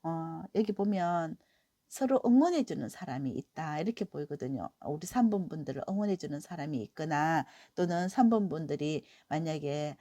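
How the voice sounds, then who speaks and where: Hoarse from a cold, a middle-aged tarot reader talks through a weekly reading in a low, mellow, expressive voice at a moderate pace. She's gentle and encouraging, using many soft "eo" fillers, and the recording is close and dry.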